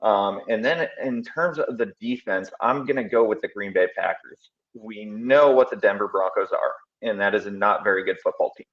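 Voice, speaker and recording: A man joining a fantasy football chat over a video call, relaxed and full of ums. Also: fairly low pitch, moderate pace. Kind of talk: casual sports advice chat. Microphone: remote video call. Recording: dull roomy video call audio.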